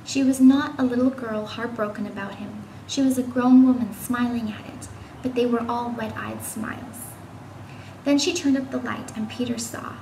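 A woman giving an informal read-aloud of a classic children's novel, voicing the characters gently. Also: fairly high pitch, fairly even intonation, moderate pace, vocal fry. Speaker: reader. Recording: echoey room with faint noise.

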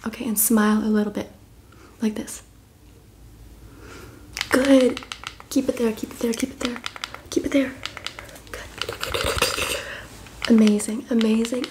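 A woman in her twenties doing a fast ASMR ASMR role-play as an encouraging beauty and photo professional, repeating short phrases up close. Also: on the high side, background noise, natural voice. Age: 20s. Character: brisk, encouraging female makeup artist, photographer and spa worker. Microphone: close, facing the camera.

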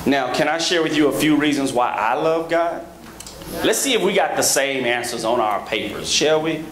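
A man in his thirties preaching a sermon from a church pulpit on a handheld microphone, rhythmic, rising to emphatic high peaks, with joking asides to the congregation. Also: animated, moderate pace, crowd noise. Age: 30s. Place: large church sanctuary, at a pulpit. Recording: echoey church hall with background noise.

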